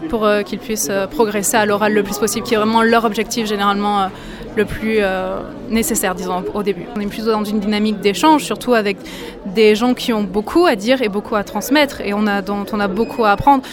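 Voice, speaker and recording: A woman's voice: mid-range voice, fairly even intonation, fairly quick, crowd noise. A woman who teaches French, speaking reflectively in an interview.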